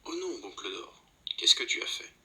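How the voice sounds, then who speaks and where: A man narrating a children's storybook, speaking directly to the story's heroine in a gently scolding way. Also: lowish voice, big pitch swings, moderate pace, whispered, rough recording.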